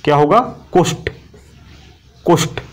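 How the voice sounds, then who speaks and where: Higher-pitched man teaching a class. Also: steady tone, a little slow. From India. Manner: repetitive, asks and answers own questions. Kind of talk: coaching class lecture.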